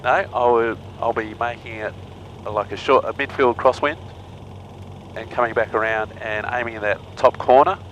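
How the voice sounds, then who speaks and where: A man's voice: medium pitch, fairly even intonation, fairly bright tone, lo-fi sound, a little hiss or hum. A man, a student pilot in a small aircraft cockpit talking hesitantly through a headset intercom. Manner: hesitant, halting with fillers. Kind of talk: practice emergency radio call.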